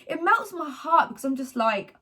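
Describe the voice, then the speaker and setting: A woman in her thirties speaks with a slightly high voice, chatting to camera about faith. She rambles and circles back, fills gaps with little "da, da, da" sounds, and stays animated throughout. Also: normal speed. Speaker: vlogger sharing faith testimony. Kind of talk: casual talk to camera.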